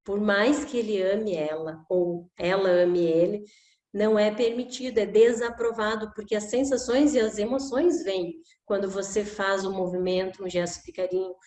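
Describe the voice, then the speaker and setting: A woman's voice: medium pitch, fairly even intonation, moderate pace, darkish tone. A middle-aged woman explaining emotional education in a conversational way, often adding "né?" and acting out examples. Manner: conversational, with frequent "né?" tags and acted examples. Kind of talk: informal talk to camera. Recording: echoey room.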